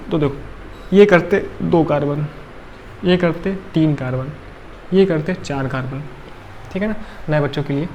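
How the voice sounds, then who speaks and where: A tired man teaches chemistry in a fairly high voice. He works step by step, counting aloud and checking in with the class often. A faint hiss sits under the recording. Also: darkish tone, highs cut off. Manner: counts atoms aloud, frequent checking tags. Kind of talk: classroom lecture.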